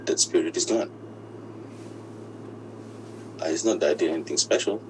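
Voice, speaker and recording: A man whose voice has been disguised and pitched deep, telling his own story in an interview, halting and often restarting his words. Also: noisy background. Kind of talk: personal account in an interview.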